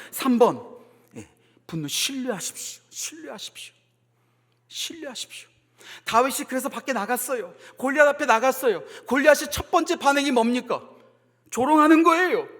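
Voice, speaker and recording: High-voiced Korean pastor preaching in a reverberant hall. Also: male voice. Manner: swings from soft, low talk to loud, high-pitched exhortation; acts out mocking voices in storytelling. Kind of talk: Friday prayer meeting sermon. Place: church sanctuary.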